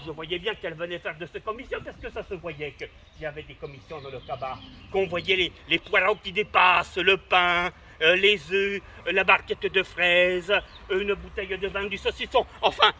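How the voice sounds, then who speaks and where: A man telling a comic story on stage in an animated, theatrical way, breaking into loud exclamations. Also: sits high, moderate pace.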